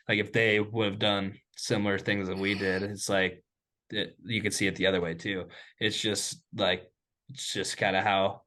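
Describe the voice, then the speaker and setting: A young man hosting a casual sports chat with a lowish voice. He rambles along and fills nearly every gap with "like", circling back on his points as he goes. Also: fairly bright tone. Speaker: host.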